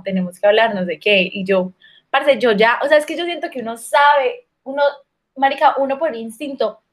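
A young woman with a Colombian accent, casually telling a personal story with slang and mock-formal jokes. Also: a little high. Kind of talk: casual chat.

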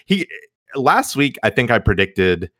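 A man's voice: medium pitch, sing-song, a bit bright, no room sound, studio quality. A man hosting a podcast, reacting to clips with mocking, incredulous commentary. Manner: incredulous, mocking, quick asides. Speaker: podcast host. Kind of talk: sarcastic commentary.

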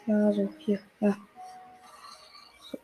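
A woman's voice: mid-range voice, completely flat delivery, slow, dark tone, faint music behind. A young woman in casual gameplay chat, talking another player through a game in a reassuring, slangy way. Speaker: player coaching another gamer.

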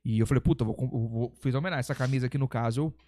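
A man's voice: medium pitch, rapid-fire, no room sound. A man with a Brazilian Portuguese accent, a metal singer as a podcast guest, telling stories animatedly, swearing often and acting out what people said. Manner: animated storyteller who swears and acts out quoted lines. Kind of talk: casual podcast chat.

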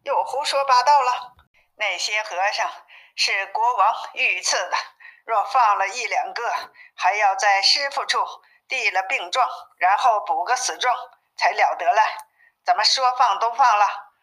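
A woman's voice: medium pitch, a little slow, sharp tone. Woman reading as a scornful stubborn Taoist priest. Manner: scornful, refusing. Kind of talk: storybook reading. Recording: narrow phone-like sound.

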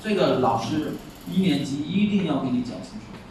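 A man teaching a Chinese class, explaining tones by slowly acting out example words. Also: a little high, animated, darkish tone. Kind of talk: classroom lecture. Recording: echoey room, far mic, faint noise.

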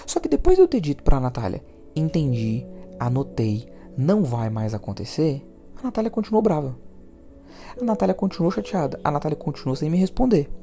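Mellow-voiced Brazilian man telling a story. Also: a little high, fairly quick, soft background music. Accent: Brazilian Portuguese. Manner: animated, repeats words for emphasis. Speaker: podcast host. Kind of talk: personal storytelling.

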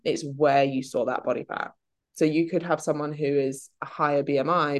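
A British woman hosting a casual fitness Q&A podcast, talking in a chatty, animated way and often interrupting herself. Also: low-pitched, no echo, clean studio sound. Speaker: podcast host. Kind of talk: casual Q&A chat.

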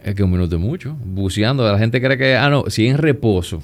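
A man with a Dominican accent, chatting as a guest and telling stories in a relaxed, easygoing way. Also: on the low side, brisk. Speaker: guest, plastic surgeon. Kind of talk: casual conversation.

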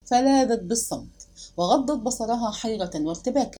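Woman, audiobook narration, expressive, breathy, lively intonation. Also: on the high side, fairly quick. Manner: expressive, dramatic storytelling.

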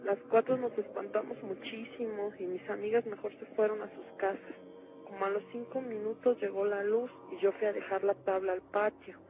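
A woman's voice: medium pitch, steady tone, normal speed, music in the background, close to an everyday voice, low-quality recording. A woman playing a frightened teenage girl who calls a radio show, possessed by a demon. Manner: pleading, panicky, breaks into screams. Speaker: caller. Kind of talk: dramatized radio call.

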